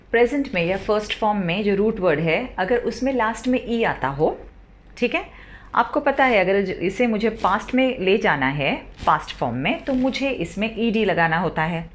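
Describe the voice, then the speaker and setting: A woman teaching English verb pronunciation, spelling words out slowly and often checking with a rising "theek hai?". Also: medium pitch. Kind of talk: spoken lesson, spelling words letter by letter.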